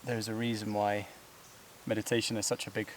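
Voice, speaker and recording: A man's voice: on the low side, level tone, a little fast, a little hiss or hum. A man talking to the camera while climbing a steep trail outdoors, out of breath, rambling loosely with fillers and laughs. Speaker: vlogger. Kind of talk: casual talk to camera while hiking. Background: buzzing insects.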